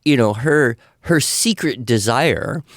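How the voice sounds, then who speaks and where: An older man appears as a podcast guest expert, taking listener questions in a conversational, didactic way, thinking aloud and giving examples. His medium-pitched voice is expressive and unhurried, with studio quality and no room sound.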